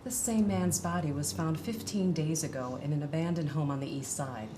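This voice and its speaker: Woman acting tough, low-voiced female homicide detective. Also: moderate pace, close to an everyday voice. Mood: insistent. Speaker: actor. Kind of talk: dramatic interrogation scene acting. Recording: loud music behind the voice. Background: loud instrumental music.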